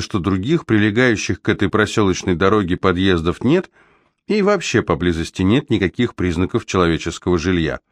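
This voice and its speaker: A man reading a novel aloud as an audiobook narrator, in a steady, even storytelling manner. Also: sits low, dry recording, clean studio sound. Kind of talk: scripted narration.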